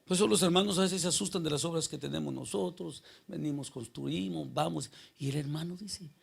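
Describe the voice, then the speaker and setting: A male pastor with a high, heavily gravelly and husky voice, preaching in a church. He talks to the congregation directly, firing rhetorical questions and calling people by name. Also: a little fast. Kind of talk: conversational sermon.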